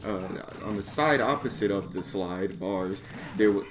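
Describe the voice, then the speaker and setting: A man with a fairly low, unhurried voice reads his own comedic story aloud, sounding slangy, profane and exasperated. The background is noisy, and mouse or mic clicks can be heard.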